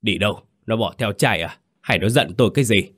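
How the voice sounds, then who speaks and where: A man's voice: lowish voice, fairly quick, a bit bright. A man voicing a tipsy, wealthy older village elder who calls out boisterously in a horror story. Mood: alarmed. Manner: boisterous calling, then alarmed.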